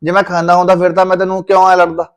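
Stubborn village husband, a man acting, scolding fast. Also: high voice, monotone, clear, resonant tone. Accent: Punjabi. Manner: scolding, keeps asking "right?". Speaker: husband in a domestic quarrel.

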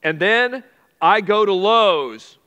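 A man's voice: high voice, expressive, slow, pushed and bright, clean tone. A man preaching a sermon in a conversational way, repeating key phrases and asking the congregation questions. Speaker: pastor. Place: church sanctuary. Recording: long hall reverb.

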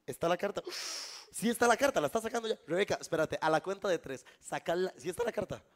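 A man's voice: sits high, lively intonation, fast. A Costa Rican man performing a live magic trick on stage, joking with a volunteer and the crowd. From Costa Rica. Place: live event before an audience.

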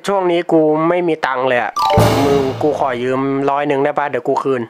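A man's voice: medium pitch, a little fast, loud music behind the voice. A teenage boy talking casually and chattily in a prank vlog, laughing often and using slang. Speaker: YouTuber prank caller. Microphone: desktop computer mic.

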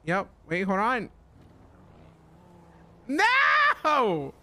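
Sassy bright-voiced man. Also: high-pitched, sing-song, normal speed. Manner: sassy, campy. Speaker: roleplay player. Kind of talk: improvised street roleplay.

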